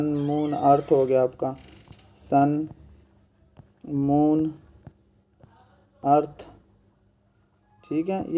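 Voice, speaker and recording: A man from India giving an exam-prep grammar lesson, repeating each point slowly and asking questions that he answers himself. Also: a little high, dark tone. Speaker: teacher.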